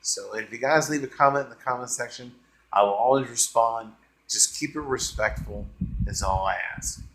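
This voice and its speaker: A man hosting a movie review channel, giving a casual unscripted review in a rambling, halting way with many fillers and easygoing enthusiasm. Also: mid-range voice, a bit bright, low-quality recording.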